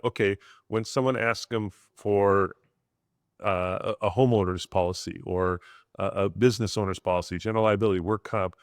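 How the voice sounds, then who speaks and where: A man's voice: lowish voice, dry recording, studio quality. A man co-hosting an insurance agency podcast, talking casually with lots of fillers and restarts. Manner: rambling, many fillers and restarts.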